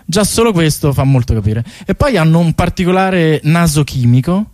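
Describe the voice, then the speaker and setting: A male artist, a guest in a radio studio, presents his bike tour project, explaining it in a chatty, colloquial way during a casual interview. His voice is on the high side, animated and a little mellow, at a moderate pace, with no room sound.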